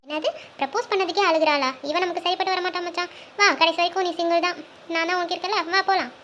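An actor voicing a shrill, bossy best buddy. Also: fairly even intonation, fast, a bit bright, dull audio, slight background noise. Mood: teasing. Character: blunt, teasing young male best friend. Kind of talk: comic cartoon dialogue.

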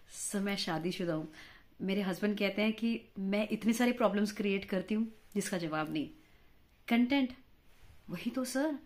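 A woman's voice: medium pitch, darkish tone, lightly acted. A woman playing a chatty, quarrelsome married mother in a comic monologue, fawning and talkative as a job candidate for a news anchor post. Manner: chatty, fawning toward interviewer, mixes English words into Hindi.

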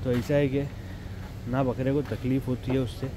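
This man has a medium-pitched voice with a level tone and normal speed. In casual vlog narration he addresses viewers directly and explains goat farm work in steps, moving between the farm and the street outside. The clip-on mic, used after setup, captures plenty of outdoor traffic noise.

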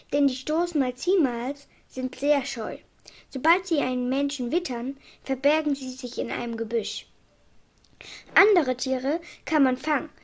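A woman narrating a children's storybook in a clear storytelling manner. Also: high-pitched. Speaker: audiobook reader.

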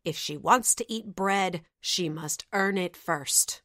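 A woman's voice: fairly low pitch, slow pace, fairly bright tone, no echo, studio quality. A woman voicing a cruel, proud stepmother in a fairy tale reading, harsh and scornful. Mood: contemptuous.

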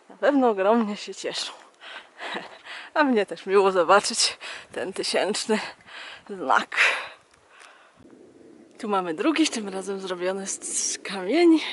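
A young woman narrating her hike on a mountain trail in a casual way. She explains the sights as she walks, recorded on a handheld camera outdoors. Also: mid-range voice. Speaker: hiker vlogger.

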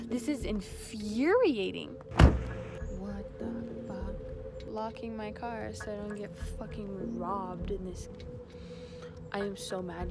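A young woman venting to camera in a casual vlog, exasperated and swearing freely. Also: medium pitch. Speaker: vlogger's girlfriend.

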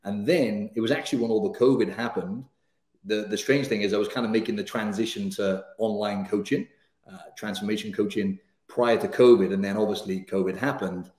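Chatty Welsh man with a low voice. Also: fairly even intonation, brisk, a little mellow, roomy sound. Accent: Welsh, softened by years in Australia. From Wales. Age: 30s. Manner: chatty and upbeat, many fillers like "you know" and "right". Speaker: guest, fitness coach. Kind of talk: casual interview chat. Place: home room, indoors. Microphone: studio mic on video call.

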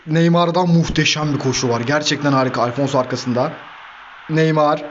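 Excitable man commentating his football game. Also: mid-range voice, quick pace, dull audio, slight background noise. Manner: excitable, shouts player names, swears at the players. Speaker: gaming channel host.

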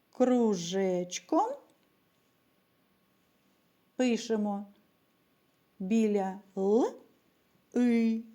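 Slow, mellow-voiced woman teacher. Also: fairly high pitch. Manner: slow, patient, addresses children directly. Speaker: primary school teacher. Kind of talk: children's lesson.

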